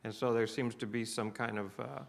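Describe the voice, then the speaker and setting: A man's voice: medium pitch, fairly even intonation, normal speed, vocal fry. A man with a Southern US accent leading a church Bible class, talking in a conversational way and putting questions to the class. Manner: conversational, asks the class questions, many restarts.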